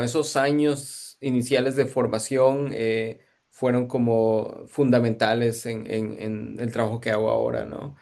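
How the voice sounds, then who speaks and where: A man's voice: medium pitch, a little mellow. A man from Guatemala, a museum curator giving thoughtful, searching answers in an interview.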